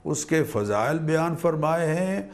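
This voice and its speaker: A man, a religious scholar on a TV program, explaining scripture in a measured, learned manner and weaving in Arabic quotations. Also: a little high, animated.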